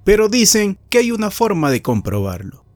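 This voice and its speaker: Guy doing young co-pilot spinning a spooky tale, high lively voice. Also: normal speed, no echo. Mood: ominous. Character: young male co-pilot telling ghost stories.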